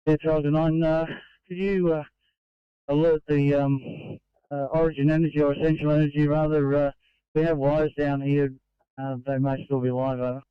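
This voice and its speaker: Man, emergency crew, over a two-way radio, flat voice, muffled. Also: fairly high pitch, smooth, no echo. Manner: halting radio procedure with fillers. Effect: heard over a two-way radio. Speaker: emergency crew member on scene.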